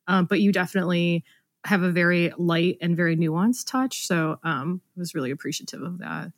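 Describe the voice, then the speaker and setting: Effusive lower-voiced woman co-host. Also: fairly quick, dry recording. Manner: rambling, effusive, apologizes for tangents. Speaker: podcast co-host. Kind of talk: casual interview.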